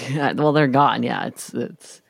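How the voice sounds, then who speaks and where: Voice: mid-range voice, takes it slowly, creaky, husky, no room sound. A podcast co-host talking through politics in a loose, meandering way. Sentences trail off and restart, and fillers pile up between ideas. The sound is dry and close, with no room to it. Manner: meandering, hedging, many fillers, often laughs. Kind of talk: casual political chat.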